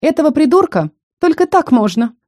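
A woman's voice: high voice, very animated, brisk, darkish tone, dry recording, clean studio sound, voice pushed up. A woman playing a cheeky young necromancer girl. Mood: scornful. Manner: brash, teasing. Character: cheeky young female necromancer adept, bold and sarcastic.

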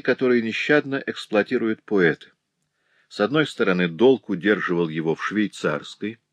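A man narrating a classic novel in a measured, lightly theatrical reading. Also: medium pitch, dry recording. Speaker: audiobook narrator. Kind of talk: scripted literary narration.

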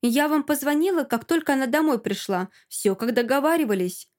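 A woman's voice: expressive, brisk, darkish tone. A woman voicing an envious, spiteful young woman who hisses and mocks her friend. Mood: fawning. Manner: hissing, shrill, mocking.

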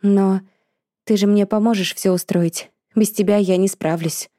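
A woman voicing an impulsive, emotional young woman who speaks up loudly and complains in an audiobook. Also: medium pitch, a little slow, no room sound, studio quality, close to an everyday voice. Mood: excitable. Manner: excitable, complaining, raised voice.

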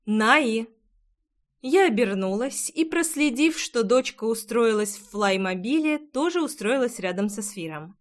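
A woman reads a first-person audiobook in a somewhat high voice. Her delivery is lively and expressive, and she stays close to the story throughout. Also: moderate pace, few pauses. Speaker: audiobook narrator.

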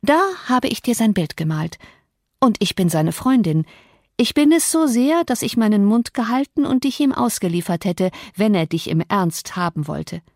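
A woman narrator voices a proud, sharp-tongued young woman in an audiobook. She talks with cutting emphasis. The sound is dry and close. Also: medium pitch, expressive, moderate pace, no echo. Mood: scolding.

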